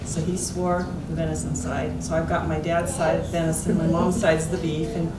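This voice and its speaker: An American woman giving an informal cooking demonstration in a folksy, unhurried way. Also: low-pitched, little pitch movement, heavy background noise. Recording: echoey room, distant mic, loud kitchen clatter.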